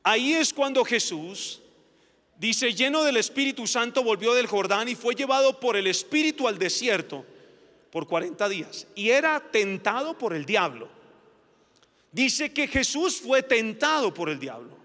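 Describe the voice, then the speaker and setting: A male pastor preaching a sermon with passion, his voice climbing to shouts at its peaks. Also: very high voice, very animated, a little slow. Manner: impassioned preaching, rising to shouts. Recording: reverberant hall.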